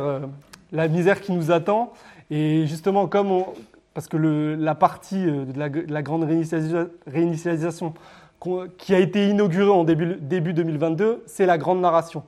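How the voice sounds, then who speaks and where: A man giving a public lecture with slides, talking straight to his audience and pausing often on filler sounds. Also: sits high, darkish tone. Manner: hesitant, frequent "euh" fillers and restarts; addresses the audience directly. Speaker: conference speaker.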